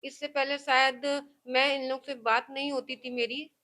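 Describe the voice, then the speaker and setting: A woman speaks to a news reporter in a fairly high voice. She is emphatic and insistent, and her words tumble out quickly. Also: flat delivery, bright, forceful tone. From Kanpur. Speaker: victim's sister. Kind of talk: news interview and heated argument.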